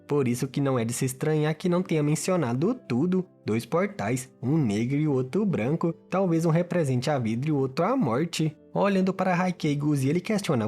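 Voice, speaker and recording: A man's voice: fairly high pitch, darkish tone. Man narrating a manhua recap. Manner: quick, colloquial retelling. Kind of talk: casual story recap narration.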